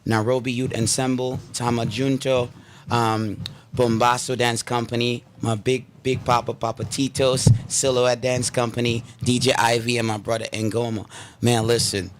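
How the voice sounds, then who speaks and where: A man's voice: mid-range voice, little pitch movement, moderate pace, slight background noise. A man from Guyana, a guest on a radio talk show, talking with enthusiasm and many fillers from inside the studio. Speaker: guest, drumming school founder. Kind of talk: radio interview.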